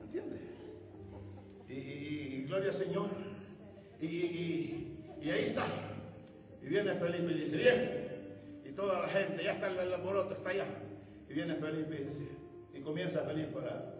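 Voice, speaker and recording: Fervent high-voiced preacher man. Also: moderate pace, pauses often, music in the background. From El Salvador. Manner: fervent, swings from hushed storytelling to shouted praise. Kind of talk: sermon. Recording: echoey hall, voice from far off.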